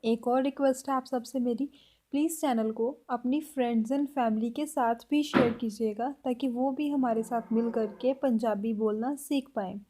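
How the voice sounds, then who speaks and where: A woman's voice: fairly high pitch, steady tone, unhurried, background noise. A woman teaching everyday phrases in a spoken language lesson, carefully repeating each example sentence.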